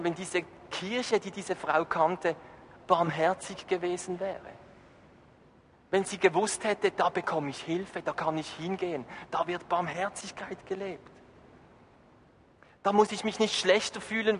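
Guy preaching in a church, high voice, lots of reverb, quizzes the crowd. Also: fairly bright tone. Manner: asks the congregation questions; emphatic, rising and falling. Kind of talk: sermon. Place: church hall. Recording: reverberant hall, faint noise.

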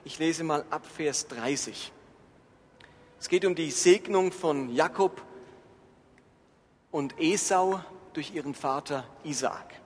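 A man's voice: a little high, slow, long pauses, husky. A male pastor giving an earnest sermon and reading scripture aloud. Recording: echoey hall, faint ambience.

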